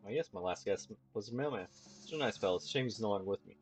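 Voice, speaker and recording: A man voicing a creepy, grinning male innkeeper with a lisp who stresses words oddly, in a low, husky voice. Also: expressive, quick pace, faint music behind. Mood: creepy cheerful. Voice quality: lisp, odd emphasis on words.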